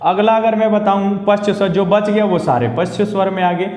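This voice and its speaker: A man giving a classroom lesson, explaining slowly and repeating each term. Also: sits high, fairly even intonation, a little mellow. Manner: explains slowly, stretching out sounds and repeating terms. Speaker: teacher. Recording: echoey room with long reverb.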